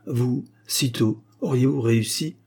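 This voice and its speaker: A man reading aloud and voicing a jovial, good-humoured elderly professor with a husky voice. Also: medium pitch, measured pace, dark tone. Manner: cheerful, exclamatory.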